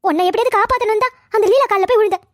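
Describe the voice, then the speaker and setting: A woman voicing a quarrelsome, defensive middle-aged mother in a cartoon family drama, talking fast and pleading. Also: no room sound, clean studio sound. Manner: rapid, shrill, pleading and quarrelsome.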